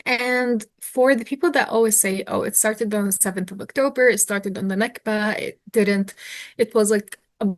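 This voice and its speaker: A woman's voice: mid-range voice, moderate pace, dry recording. A woman, answering interview questions earnestly, thinking aloud with fillers and restarts. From Jordan. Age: 20s. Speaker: interview guest, activist.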